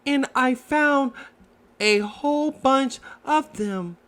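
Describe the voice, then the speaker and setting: A man's voice: very high-pitched, slow, fairly bright tone, voice pushed up, full character voice. A man voicing a small, sweet, eager and timid piglet in a children's storybook. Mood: proud.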